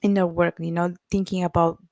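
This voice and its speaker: A woman's voice: fairly low pitch, little pitch movement, brisk, darkish tone, no room sound. A woman from Italy with an Italian accent, an author talking as a guest in a casual interview, reflective and full of "you know" and "like.".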